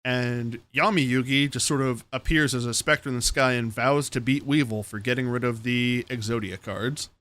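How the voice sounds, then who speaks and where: A man co-hosting a podcast, chatting casually with dry, deadpan jokes. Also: medium pitch, moderate pace, few pauses. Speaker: podcast co-host.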